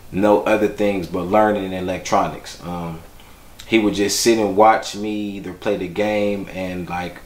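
A young man talking about his son in a documentary, reflective and halting, with many fillers. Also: lowish voice, roomy sound. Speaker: father. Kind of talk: documentary interview, personal storytelling.

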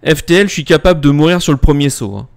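Crude, joking French-speaking gaming streamer. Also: male voice, fairly high pitch, fast talker, gravelly, clean tone. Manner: crude, joking, excitable outbursts. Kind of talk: live gaming commentary.

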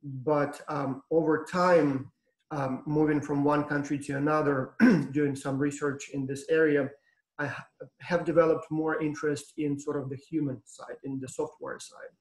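A Ukrainian-accented man in his thirties gives a university lecture over a webcam, his voice sitting a touch high for a man and staying fairly level in tone. He explains things at an easy pace, filling pauses with ums and uhs. The sound carries the echo of a room with a brick wall. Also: level tone. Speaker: professor. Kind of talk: lecture to students over video call. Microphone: webcam on video call.

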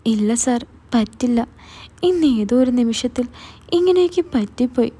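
A woman's voice: a little high, lively intonation, moderate pace, warm tone, breathy edge. A woman voicing a troubled middle-aged mother in a spoken story, with a pleading, weary manner.

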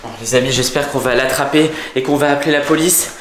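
Holding his phone camera out at arm's length, a twenty-something YouTuber narrates an acted sketch for a home short film while creeping through a dark house. He speaks quickly and steadily at medium pitch, in a low, suspense-building whisper, over echo and background noise.

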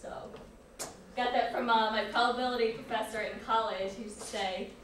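A woman's voice: a little high, fairly even intonation, fairly quick, fairly bright tone. A woman teaching a college calculus class, explaining step by step and saying "okay" often. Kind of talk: classroom lecture. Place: lecture classroom. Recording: echoey room, distant mic, noise.

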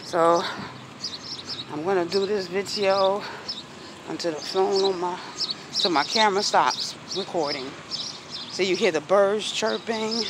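Slow-talking New woman vlogging on noisy streets. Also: mid-range voice. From New York City. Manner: rambling, thinking aloud, repeating phrases. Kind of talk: casual walking vlog chat. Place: outdoors, walking along busy city streets. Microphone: phone at arm's length. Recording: noisy outdoor city street recording. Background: traffic and street noise.

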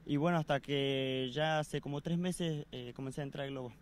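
A man from Argentina who rides a motorcycle inside the circus globe of death, speaking in a hesitant, modest way with many pauses. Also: a little high, fairly even intonation, crowd noise. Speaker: circus motorcycle stunt rider.

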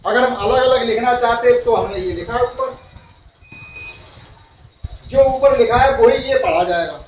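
Measured in pace and very high in voice, a man teaches primary schoolchildren, quizzing them and echoing back what they say. The recording comes across as far-off and dull, with a roomy, somewhat noisy quality.

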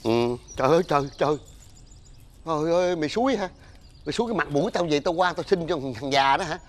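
An actor playing an irritable, superstitious older father, scolding loudly in a TV sitcom. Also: a little high, quick pace, natural voice. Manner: scolding, blustering, loud rants. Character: irritable superstitious old father, Tết-obsessed. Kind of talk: TV sitcom acting.

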